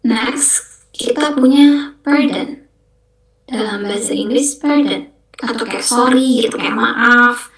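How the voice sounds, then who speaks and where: A young woman teaching a beginner online language class, explaining slowly and patiently and repeating each word carefully. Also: on the high side, steady tone, vocal fry, a bit bright, roomy sound, poor audio. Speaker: French language mentor.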